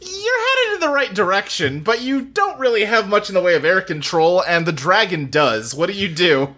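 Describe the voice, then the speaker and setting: Bright-voiced man running a tabletop game. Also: sits high, sing-song, normal speed. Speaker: game master. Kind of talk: improvised tabletop game narration.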